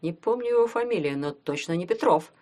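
A woman voicing a grumpy talking ring that holds an old grandfather's spirit, speaking in a creaky, grumbling way. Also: on the low side, expressive, fairly quick, darkish tone, natural voice.

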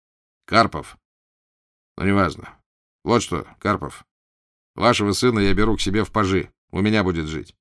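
A man voicing a bored, imperious prince who gives loud, brusque commands. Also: low voice, moderate pace, pauses often, no room sound, clean studio sound. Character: bored, imperious male prince, a capricious grandee.

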